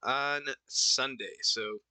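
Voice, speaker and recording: A man with a Midwestern accent hosting a casual podcast stream, talking in halting bursts with many restarts. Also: medium pitch, fairly even intonation, a crowd in the background. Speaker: podcast host.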